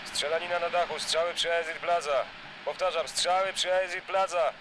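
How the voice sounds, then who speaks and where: A man's voice: fairly high pitch, steady tone, moderate pace, very noisy. An actor playing a male police officer reporting urgently over a police radio. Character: male patrol cop calling for backup. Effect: police radio transmission.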